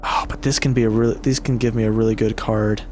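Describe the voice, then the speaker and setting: A man's voice: fairly low pitch, fairly even intonation, quick pace, a little mellow, a little hiss or hum. A man giving casual commentary on a game playthrough, musing aloud as he goes. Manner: muses aloud, mildly swears. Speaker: gaming video player and commentator.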